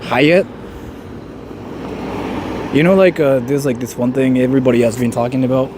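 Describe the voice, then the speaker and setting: A Japanese man in his thirties rambles and jokes on a live stream, reading out viewer donations and saying "like" constantly. His mid-range voice holds a steady tone at a normal speed, with background noise behind him.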